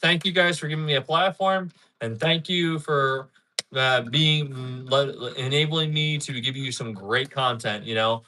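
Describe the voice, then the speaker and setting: Bright-voiced rambling man in his thirties. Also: medium pitch, a little slow, slight background noise. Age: 30s. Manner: rambling, repeats himself, talks back to chat. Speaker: livestreamer. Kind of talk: casual live-stream chat.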